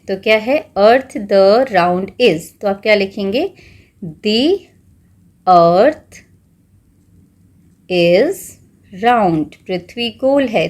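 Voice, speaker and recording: A patient Indian-accented woman leads young children through an exam practice paper. She spells out words letter by letter and moves easily between Hindi and English. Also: medium pitch. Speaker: teacher.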